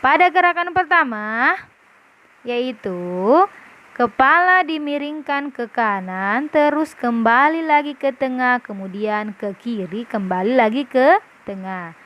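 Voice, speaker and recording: In a classroom with a whiteboard, a female primary school teacher reviews a lesson, explaining patiently step by step and often asking "paham?" to check her pupils understand. Her voice sits high, her pace is measured, and the recording is muffled.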